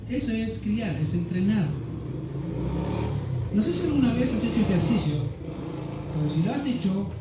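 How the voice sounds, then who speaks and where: A man's voice: high voice, very animated, moderate pace, pauses often. Man preaching in an echoey room. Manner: teaching, asks listeners "¿ya?" often. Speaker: pastor. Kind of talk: sermon. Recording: echoey room, distant mic, faint noise.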